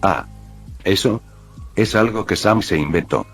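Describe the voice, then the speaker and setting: An easygoing teenage boy sidekick who usually cracks jokes, read by a man with a low voice. The sound is deep and husky, with light music faintly under it. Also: measured pace, exaggerated voice. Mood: casual.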